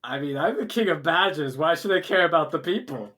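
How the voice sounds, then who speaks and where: A man's voice: lively intonation, a little fast, pushed and bright. A man voicing an eccentric, self-important king in a badger mask during a tabletop role-play game, grandiose and baffled by turns. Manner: grandiose, booming, then baffled.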